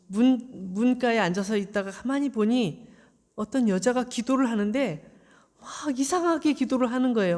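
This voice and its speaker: Gentle storytelling woman pastor. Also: a little high, long reverb tail. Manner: gentle, simple storytelling with emphatic repetition. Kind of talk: storytelling sermon. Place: church.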